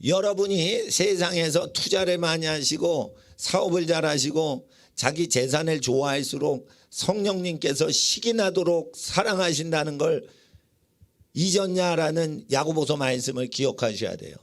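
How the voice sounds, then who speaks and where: A man's voice: fairly high pitch, moderate pace. A male pastor giving a sermon in a church, emphatic, often asking the congregation questions and answering them himself. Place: church sanctuary.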